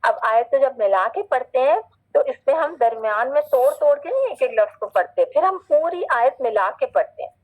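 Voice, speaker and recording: A woman with a somewhat high voice teaches a Quran recitation class online. She explains patiently, checks in with her students again and again, and stretches each Arabic word out slowly when she recites. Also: lively intonation, low-quality recording. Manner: patient, repetitive, checks in often; slow, drawn-out recitation of Arabic words.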